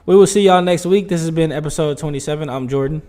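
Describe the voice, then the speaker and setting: A man's voice: on the high side, fast, dark tone. A man co-hosting a podcast in casual, blunt, joking chat with friends. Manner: laid-back, blunt, joking. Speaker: podcast co-host.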